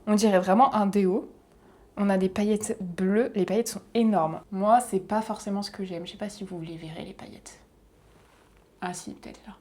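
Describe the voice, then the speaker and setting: A young woman, chatting excitedly as she unboxes and swatches makeup for her vlog. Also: mid-range voice, fairly quick, a little hiss or hum. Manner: excited, chatty, giggly asides. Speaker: beauty vlogger.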